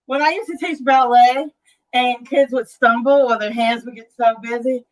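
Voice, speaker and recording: A woman's voice: on the high side, steady tone, moderate pace, rough recording. A woman leading a workout as an aerobics instructor, calling out counts and cues in a directive, encouraging way. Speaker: fitness instructor.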